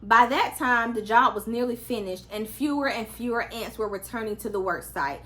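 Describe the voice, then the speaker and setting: A woman's voice: a little high, moderate pace, sharp tone. A woman reading a children's story aloud as a storyteller, acting out the characters' lines expressively.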